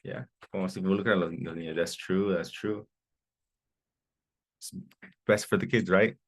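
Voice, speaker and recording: A man with a very low, deep voice leads an English class from the United States. He is encouraging and echoes his students' answers back to them. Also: fairly even intonation, normal speed. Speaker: English teacher. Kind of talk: online class Q&A.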